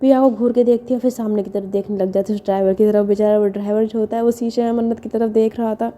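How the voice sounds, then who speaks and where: A woman's voice: a little high, level tone, quick pace, dark tone. Chatty woman telling a story. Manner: chatty, with filler words. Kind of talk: casual oral storytelling.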